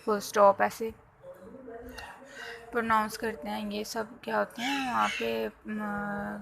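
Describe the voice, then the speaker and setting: A woman's voice: mid-range voice, level tone, creaky, background noise. A woman teacher explaining a lesson to her students, patient, repeating key terms and checking that they follow.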